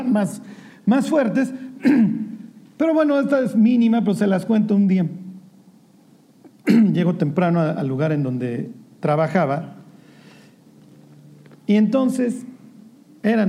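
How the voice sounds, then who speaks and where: A man with a Mexican Spanish accent preaching in a conversational style, telling a personal story, often clearing his throat and poking fun at himself. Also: high-pitched, warm tone. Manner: chatty storytelling with throat clearing and self-deprecating humor.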